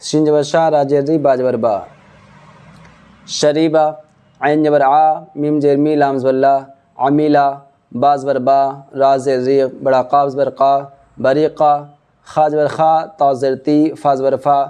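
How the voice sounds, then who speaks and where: A man teaching Quran reading in a slow drill lesson, patiently spelling out letters and vowel marks syllable by syllable. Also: on the high side, level tone, dark tone, clear, resonant tone.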